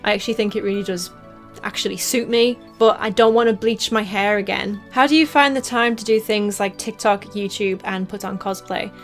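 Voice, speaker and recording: A young woman from northeast England talks with a softened Teesside accent at a middling pitch. She chats loosely through fan questions, full of "like" and quick laughs. Soft music sits faintly behind her. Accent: softened Teesside English. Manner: chatty and rambling, heavy use of "like", frequent little laughs. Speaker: cosplayer answering fan questions. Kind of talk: casual Q&A vlog.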